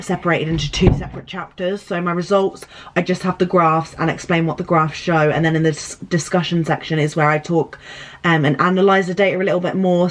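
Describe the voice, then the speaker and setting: A woman in her early twenties with an English accent, chatting casually to her vlog, her speech slightly lisped by retainers. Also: deep voice. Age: early 20s. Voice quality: slight lisp from wearing retainers. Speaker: student vlogger.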